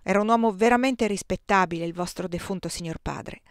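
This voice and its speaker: A woman reading the part of a gruff older male army colonel in an audiobook, brusque and blustering, raising her voice when he gets annoyed. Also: on the low side, brisk, dry recording, clean studio sound, close to an everyday voice.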